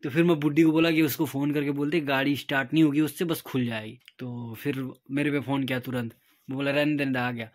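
A man's voice: mid-range voice, steady tone, brisk, no room sound. A man telling a long casual vlog story, chatting to viewers and retelling a quarrel with friends over parking. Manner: chatty, retells quarrels by acting out quoted voices. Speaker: vlogger. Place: in a car and at his room.

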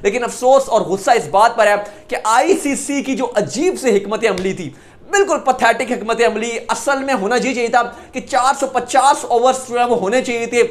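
A young man gives an animated, opinionated cricket analysis, gesturing as he talks in a small indoor room. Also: extremely high pitch, normal speed. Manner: animated, gesturing with his hands. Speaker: cricket vlogger.

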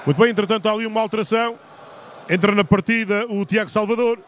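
Male play-by-play commentator, high register, measured short phrases, faint venue noise. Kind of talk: live rink hockey commentary.

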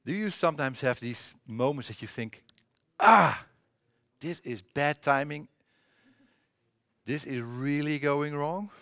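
A middle-aged man from the Netherlands with a Dutch accent, giving a casual conference presentation on a presentation mic, often pausing with filler sounds and restarts. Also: on the high side, pushed and bright. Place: conference room.

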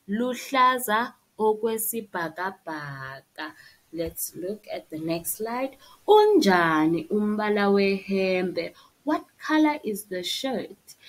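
A woman with a South African accent giving a simple, repetitive language lesson to young beginners, as if reading to a toddler. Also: medium pitch. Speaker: isiZulu language teacher. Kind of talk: slideshow vocabulary lesson for young beginners, bilingual.

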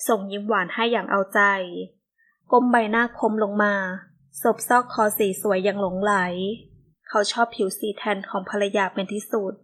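A woman reads a romance novel aloud for an audiobook. Her voice sits at an ordinary mid pitch, and her delivery is calm and measured throughout. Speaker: audiobook narrator. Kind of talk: scripted narration of a romance novel.

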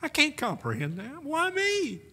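Bright-voiced older pastor preaching in a hall. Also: male voice, extremely high pitch, huge pitch swings, unhurried. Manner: earnest, with warm little laughs and rhetorical questions. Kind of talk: sermon. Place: church sanctuary. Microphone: pulpit microphone on a stand. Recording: long church hall reverb.

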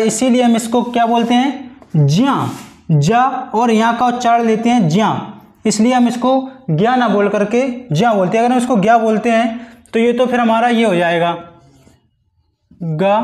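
In a roomy-sounding recording, a male Hindi teacher with a high, somewhat mellow voice works through a blackboard-style grammar lesson. Patiently, he repeats syllables and draws them out so students can hear how they are pronounced.

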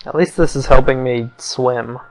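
A young man speaks at normal speed in a mid-range voice, giving casual let's play commentary on a rough recording with faint game music behind. His tone is wry and self-mocking with muttered asides, and his voice feels a little off, perhaps because he's getting sick.

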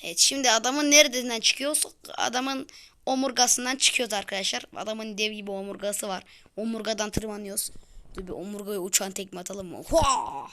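A young woman giving casual gameplay commentary, excitable and easily frustrated, muttering one moment and crying out the next. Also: mid-range voice, brisk. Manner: excitable, swings from muttering to loud frustrated outbursts. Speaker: gaming video creator.

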